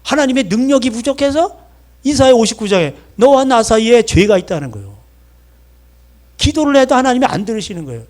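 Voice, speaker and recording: A middle-aged man preaching a sermon as pastor, animated, firing rhetorical questions at the congregation and acting out voices. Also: extremely high pitch, brisk.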